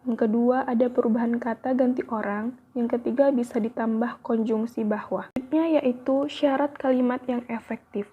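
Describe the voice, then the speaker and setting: A woman's voice: on the high side, steady tone, moderate pace, breathy edge. A young woman, a university student, reads a grammar lesson aloud carefully, with small slips. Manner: careful, evenly paced reading with small slips. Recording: tinny phone-like audio.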